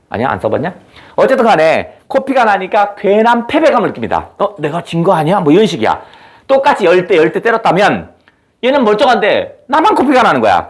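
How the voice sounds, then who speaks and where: Young guy teaching a lit class, fairly high voice that jumps around a lot, keeps asking the class stuff. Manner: chatty, asks students rhetorical questions, acts out quoted lines. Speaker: Korean literature teacher. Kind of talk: online exam-prep lecture.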